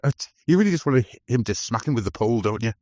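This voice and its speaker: A man's voice: mid-range voice, animated, fast, warm tone, no room sound. A man hosting a podcast, chatting casually and enthusiastically about a film as it plays. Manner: enthusiastic, talks over film scenes. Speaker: podcast host. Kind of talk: casual film commentary chat.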